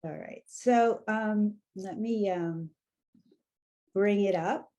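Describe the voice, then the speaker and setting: A woman with a New York accent, coaching in a gentle, measured and inviting way as she leads an instructional session. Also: mid-range voice. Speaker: coach leading a training session. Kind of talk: instructional talk and guided awareness exercise. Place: online video call.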